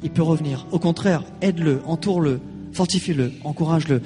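Brief: high-pitched male pastor, animated storyteller, church reverb, faint music behind. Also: fast talker. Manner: animated storytelling, acting out quoted voices. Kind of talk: sermon with personal anecdote.

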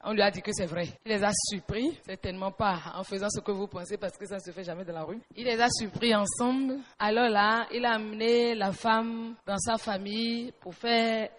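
A woman's voice: medium pitch, fairly even intonation, moderate pace, few pauses. A woman leading a church seminar, retelling a question and checking with the audience as she teaches. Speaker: seminar speaker answering questions.

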